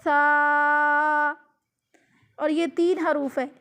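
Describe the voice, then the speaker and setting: A woman's voice: high-pitched, fairly even intonation. A woman teaching the pronunciation of Arabic letters in a recorded lesson, patient and repetitive, stretching out each letter as she demonstrates it. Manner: patient, repeats instructions, drawn-out letter demonstrations. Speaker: Quran recitation teacher.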